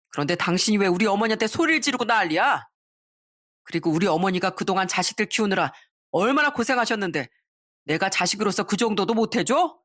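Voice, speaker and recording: A woman's voice: medium pitch, a bit bright, dry recording, studio quality. A woman voicing a blustering angry husband. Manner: blustering, defensive. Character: angry selfish middle-aged husband.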